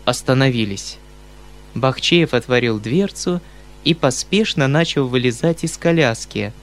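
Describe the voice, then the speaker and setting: A man narrating a classic novel in a measured, expressive storytelling voice. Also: mid-range voice. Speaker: audiobook reader.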